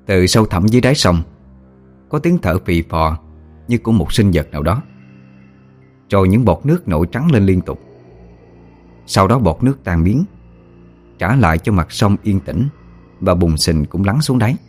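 Deep-voiced man narrating a horror story. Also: animated, normal speed, pauses often. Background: soft music with singing bowl.

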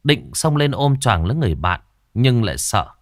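A man narrating a horror story with suspenseful, expressive delivery. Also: medium pitch, moderate pace, no echo, studio quality. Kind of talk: dramatic horror story reading.

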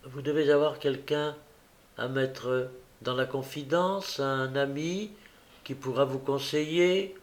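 A man reading the part of a kind, virtuous young lady who speaks in an earnest, gently coaxing way. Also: mid-range voice, fairly even intonation, takes it slowly, lightly acted.

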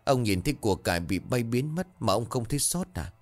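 A man's voice: mid-range voice, lively intonation, a little fast, natural voice. A man voicing an older village wife who wails and scolds over her losses in a ghost story. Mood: wailing anger. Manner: wailing, scolding. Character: shrill grasping old village wife.

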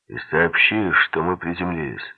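A smug expedition leader giving orders in short, curt phrases, voiced by a male audiobook reader in a low, husky voice. It sounds thin and tinny, like a lo-fi recording. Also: expressive, a little slow, full character voice. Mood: commanding. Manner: curt, mocking.

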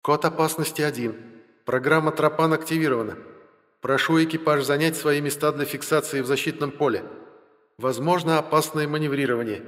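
A man's voice: a little high, pitched above the performer's own voice. A man doing a metallic ship computer. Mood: announcing. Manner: flat announcing, measured. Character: cold metallic starship computer voice. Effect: metallic voice with long reverb under a dome. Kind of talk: audiobook narration.

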